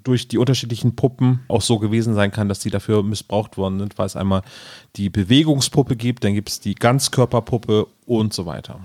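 A man's voice: on the low side, brisk, warm tone. A man explaining things precisely in a casual podcast discussion as a co-host.

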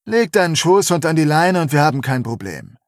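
Storybook brute , voiced by a male narrator: big young man, domineering, taunting, husky. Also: a little high, lively intonation, moderate pace, no room sound, clean studio sound, voice pushed up.

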